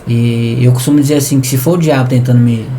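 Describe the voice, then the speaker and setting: A Brazilian man with a Brazilian Portuguese accent, a podcast guest telling a testimony in a lively way, often calling the host "irmão" and acting out dialogue. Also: mid-range voice, quick pace, slight background noise. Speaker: podcast guest, business founder. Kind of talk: animated testimony storytelling.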